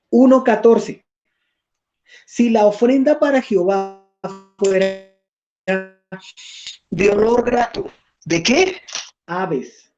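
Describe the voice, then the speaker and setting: Guy teaching a bible class online, warm low-key voice, kinda dull audio. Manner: reads scripture aloud, checks in with "¿listo?".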